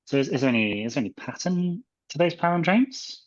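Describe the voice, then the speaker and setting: A man's voice: fairly high pitch, lively intonation, a little fast. A man hosting a casual chat, joking and playful with his guests. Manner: playful, joking and laughing along. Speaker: host. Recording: dull lo-fi sound.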